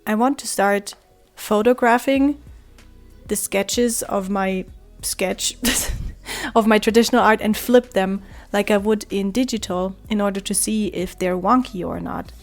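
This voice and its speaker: A woman with a cold talks casually while she draws, her voice hoarse and raspy, quiet and monotone, sometimes dropping to a soft murmur. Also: mid-range voice, a little slow, faint music behind. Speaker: art vlogger. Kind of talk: casual talk while drawing.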